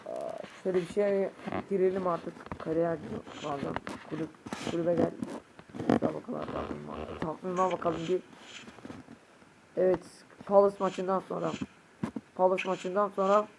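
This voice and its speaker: Excitable gamer, a bit sick. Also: male voice, high voice, moderate pace, creaky, pauses often. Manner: excitable, shouts at players, mutters curses. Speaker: gaming youtuber. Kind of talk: casual gameplay commentary. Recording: noisy home recording.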